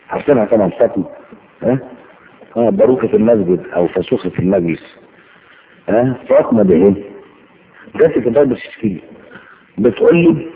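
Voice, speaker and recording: A man preaching in colloquial Egyptian Arabic, telling anecdotes and reciting verses slowly for emphasis. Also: narrow, tinny audio, a little hiss or hum. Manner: animated storytelling, swings between loud emphasis and low asides, recites verses slowly.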